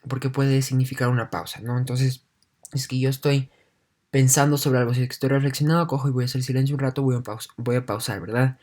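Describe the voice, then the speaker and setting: A man's voice: medium pitch, darkish tone. A male teacher giving an online class. He reads a passage aloud, then restates it in simple terms, often checking in with his listeners. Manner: leans heavily on "entonces" and checks in with "¿no?".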